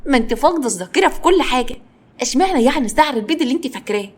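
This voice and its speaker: A woman voicing an exasperated young woman who pleads and tries to calm things, with an Egyptian accent. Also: sits high, rapid-fire, breathy edge, voice pushed up.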